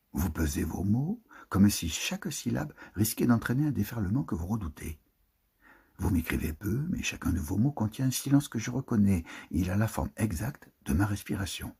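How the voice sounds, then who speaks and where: A man reads literary prose in a slow, hushed, tender way, now and then sinking into a whisper. His voice sits very low, with a gravelly fry and a breathy, husky grain. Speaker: reader. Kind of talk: intimate literary reading.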